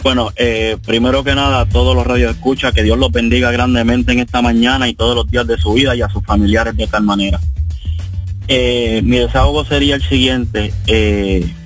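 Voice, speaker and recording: A man's voice: medium pitch, steady tone, fairly quick. Man from Puerto Rico, radio caller, earnest, devout, hesitant fillers, faint music behind. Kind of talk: call-in radio conversation.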